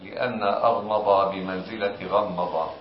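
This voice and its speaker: Deep-voiced man reading classical text. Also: steady tone, a little hiss or hum. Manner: measured, formal recitation. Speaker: reader of the commentary text. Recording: echoey dull lo-fi room.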